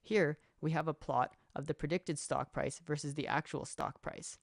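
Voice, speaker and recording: A young man from Canada giving a steady, scripted narration that explains code as a student presenter. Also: on the high side, normal speed, creaky, no echo, clean studio sound. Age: young adult.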